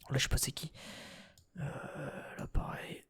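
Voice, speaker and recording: A man's voice: a little slow, a bit bright. A young man whispering casual ASMR chat, hesitant and thinking aloud with many restarts and casual swearing.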